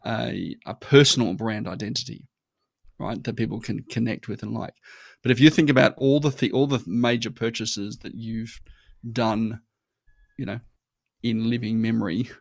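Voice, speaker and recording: A man appears as a podcast guest, chatting casually but emphatically and regularly ending points with a short "right?" His voice is fairly low and creaky. The studio sound is clean, with no room sound.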